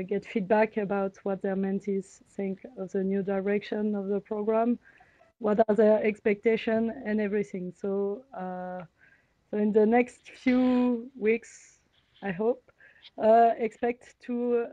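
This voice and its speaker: Brief: woman on a video call, slow and deliberate, dry, muffled sound. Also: medium pitch, mellow, no echo. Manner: halting, deliberate. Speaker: program mentor coordinator. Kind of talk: meeting status update. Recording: dull, dry lo-fi audio.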